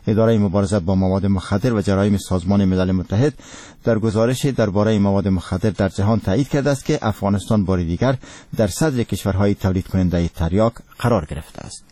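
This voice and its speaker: A man's voice: lowish voice, dark tone, no room sound. A man with an Afghan Dari accent reads scripted radio news as a presenter, in a solemn, formal newsreader manner.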